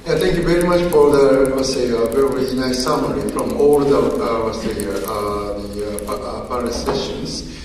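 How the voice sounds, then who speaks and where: A man's voice: medium pitch, moderate pace, a little mellow, a little hiss or hum. A man in the audience asking a question, hesitant and stumbling over words. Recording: echoey hall, far from mic.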